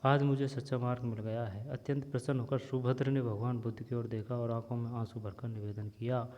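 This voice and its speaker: A man reading a textbook story aloud as a teacher, pausing now and then to explain words. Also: mid-range voice, little pitch movement, a little mellow. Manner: reads steadily, pauses to explain words. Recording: dull lo-fi sound with long reverb.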